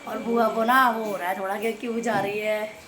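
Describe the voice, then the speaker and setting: A young woman from Agra, India, chats casually in a vlog about her day, talking straight to her viewers. Her voice is on the high side, with a steady tone and moderate pace, and there's background noise.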